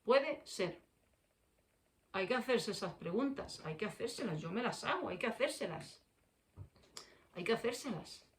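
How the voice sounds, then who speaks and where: A woman's voice: medium pitch, animated, a little slow, long pauses. A woman preaching a fiery sermon, repeating phrases for force and firing confrontational questions at listeners.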